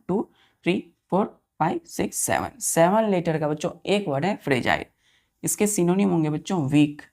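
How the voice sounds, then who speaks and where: Woman teacher going over vocab words, lowish gravelly voice, spells things out letter by letter, keeps asking if it's clear. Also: darkish tone. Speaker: English teacher. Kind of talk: vocabulary lesson for students.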